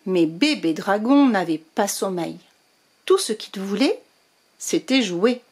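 A woman storyteller reading a children's picture book aloud, with slow, expressive narration. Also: medium pitch.

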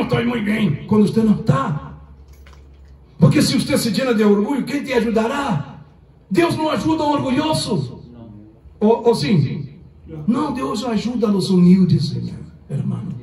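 Preacher, male, high voice, echoey church, distant mic. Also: dark tone. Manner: mixes Spanish and Portuguese, calls the congregation to repeat. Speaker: pastor. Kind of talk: sermon.

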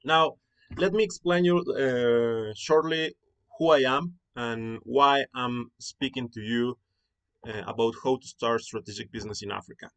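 Here the academy founder from Mexico, hosting a live online presentation, talks at a measured pace in a medium-pitched, somewhat bright voice. His Mexican Spanish accent is clear, and his earnest delivery loops back on itself with plenty of fillers and rewordings.

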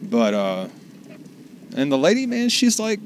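A man's voice: a little high, huge pitch swings, measured pace, slight background noise. A man chatting casually to the camera while driving for food deliveries, rambling and salty. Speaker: delivery driver vlogger. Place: in a car.

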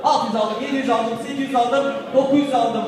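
A man working as an auctioneer at a car auction, calling bids in a rapid, insistent, repetitive chant of prices. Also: very high voice, steady tone. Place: large echoey auction hall. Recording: distant mic in echoey hall with crowd.

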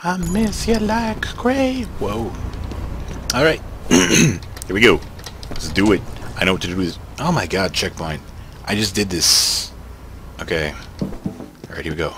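Excitable young man narrating gameplay. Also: low-pitched, measured pace, vocal fry, pauses often, background noise. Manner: excitable, swearing, jokey outbursts. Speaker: gaming channel host. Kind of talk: casual gameplay commentary.

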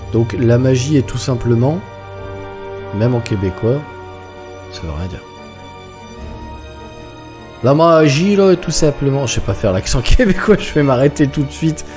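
A young adult man streaming a game live, chatting and joking with his viewers in a rambling casual way. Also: medium pitch. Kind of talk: casual live gameplay commentary.

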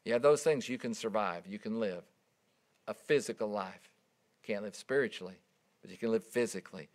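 A man's voice: on the low side, moderate pace, a little mellow. A middle-aged man preaching a sermon, earnest and emphatic, telling stories with his voice swelling and dropping. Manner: earnest, emphatic, storytelling with rising and dropping volume.

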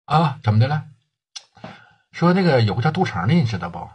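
A man doing a rough halting security boss. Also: medium pitch, sing-song. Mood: explaining. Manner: hesitant, halting with fillers.

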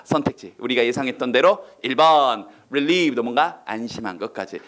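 A man with a slightly high voice teaches an online English exam-prep lecture, firing quick questions at his students and acting out reactions in silly voices.

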